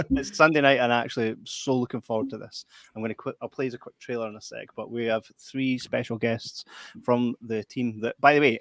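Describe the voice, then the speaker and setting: A man's voice: mid-range voice, dry recording. Eager man hosting a podcast. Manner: enthusiastic, rambling with restarts. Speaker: podcast host. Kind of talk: casual podcast chat.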